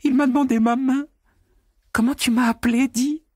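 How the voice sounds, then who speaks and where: A man doing a shrill, cheeky young witch. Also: animated, moderate pace, no room sound, studio quality. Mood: gleeful. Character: young maid turned witch, cheeky and gleeful.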